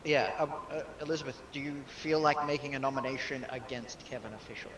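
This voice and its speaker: A man improvising in a role-playing party game, rambling and halting as he goes. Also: mid-range voice, fairly bright tone, far from the mic. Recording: echoey, noisy, off mic.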